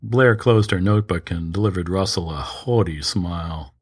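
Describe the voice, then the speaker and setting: Man, low voice, crime story narration, measured and even, light character voices. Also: slightly rough.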